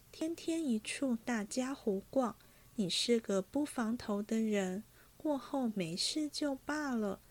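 A sensible young lady talks in a calm, coaxing, reasoning way. A woman reading the story aloud plays her. The voice is fairly high for a woman.

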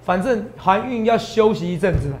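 A man with a Taiwanese Mandarin accent hosting a stock-tips show, animated and boastful, lecturing viewers like students. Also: high-pitched, fairly quick, a little hiss or hum. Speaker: stock market analyst host.

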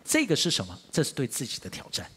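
A man preaching a sermon as a pastor, shifting abruptly into high, emphatic bursts. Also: quick pace, breathy edge. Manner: animated preaching, sudden climbs to high emphatic pitch.

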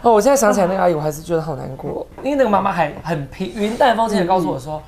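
A woman guest telling stories in an interview, animated and emotional, sometimes tearful. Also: lowish voice, very fast, music in the background. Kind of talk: storytelling interview.

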